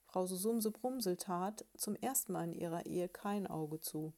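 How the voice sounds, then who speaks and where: A woman reading a children's story aloud in a calm, gentle, soft-spoken way, speaking to young listeners. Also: on the low side, measured pace.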